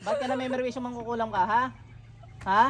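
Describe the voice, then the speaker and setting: In a noisy room, a male faith healer leads a healing ritual, sternly taunting, interrogating and commanding spirits. His voice is very high, his intonation fairly even, and he talks fast.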